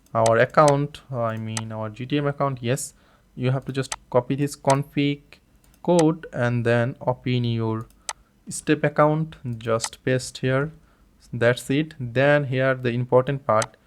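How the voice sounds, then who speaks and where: A Bangladeshi man hosts a screen-recorded tutorial, walking through a software setup in a smooth, mid-range voice. He explains plainly and step by step, with frequent fillers, restarts and non-native phrasing.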